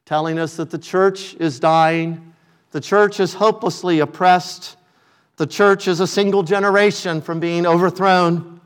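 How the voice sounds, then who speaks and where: A pastor delivering a sermon in an even, middle-pitched man's voice. He preaches with measured, emphatic phrasing and lets his voice sink low and soft at the end of each point.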